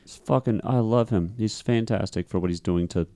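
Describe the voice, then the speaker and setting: A man co-hosting a casual podcast, joking and animated as he chats with friends. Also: fairly low pitch, normal speed, no echo. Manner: joking, animated, slips into mocking voices. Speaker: podcast co-host. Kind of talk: casual chat.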